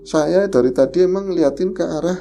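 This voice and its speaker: A man tells a personal horror experience as a podcast guest. He retells it in a lively, fearful way. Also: fairly high pitch, fairly quick, gravelly, soft background music. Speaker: guest storyteller.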